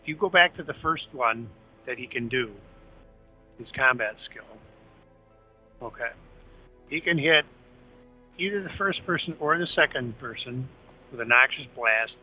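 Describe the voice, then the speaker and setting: A man's voice: mid-range voice, lively intonation, measured pace, long pauses, pushed and bright. A man casually walking his younger brother through game strategy, explaining step by step while chewing candy. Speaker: older brother giving game tips. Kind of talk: casual gaming walkthrough chat. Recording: dull lo-fi sound with faint music.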